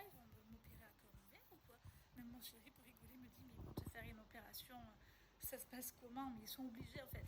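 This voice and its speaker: A woman telling a personal story in a casual, chatty way, quoting others and laughing as she goes. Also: on the high side. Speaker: vlogger. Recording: noisy background.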